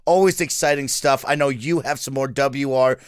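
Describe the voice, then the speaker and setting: A man's voice: medium pitch, steady tone, normal speed, smooth, no echo, clean studio sound. A man hosting an esports talk show in an upbeat commentary style, pronouncing his r sounds as w. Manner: says w for r.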